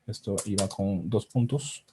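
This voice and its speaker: Low, dark-voiced man demoing live. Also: a little hiss or hum. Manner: halting, frequent restarts while typing commands. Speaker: presenter giving a live demo. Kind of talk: live technical demo, thinking aloud.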